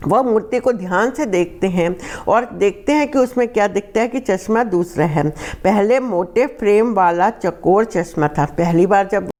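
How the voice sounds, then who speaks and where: A woman teacher with a medium-pitched, slightly mellow voice reads a Hindi text aloud to her class. After each line, she slowly restates it in simpler words.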